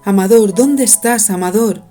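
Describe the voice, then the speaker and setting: Audiobook figure: heartbroken young woman, pleading and tearful, warm low-bright voice, done by a woman reader. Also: moderate pace, lightly acted. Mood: calling anxiously.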